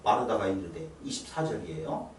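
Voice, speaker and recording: A middle-aged man preaches with a lively, swinging pitch, drawing his congregation into call-and-answer. His voice carries through a roomy church sanctuary from a mic set some distance away. A faint ambience hums underneath. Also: a little fast, a little hiss or hum. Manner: animated, coaxing listeners to answer. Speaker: pastor. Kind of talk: lively sermon with questions to the congregation.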